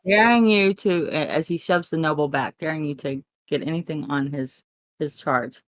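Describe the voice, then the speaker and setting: A woman's voice: sits low, moderate pace, no room sound. A woman running a tabletop role-playing game, narrating in a casual, playful way. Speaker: game master.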